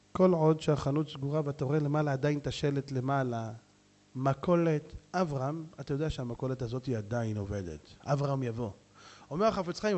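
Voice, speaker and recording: Animated high-pitched male preacher. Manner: animated storytelling, swings between shouting and hushed asides. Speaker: rabbi. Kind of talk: sermon with jokes and acted dialogue.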